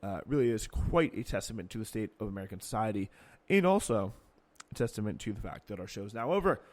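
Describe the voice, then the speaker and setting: A man's voice: on the low side, expressive, quick pace, darkish tone, no room sound. A man hosting a podcast, reading news passages aloud and adding sardonic, sarcastic asides. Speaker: podcast host. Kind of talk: political commentary, reading and remarking.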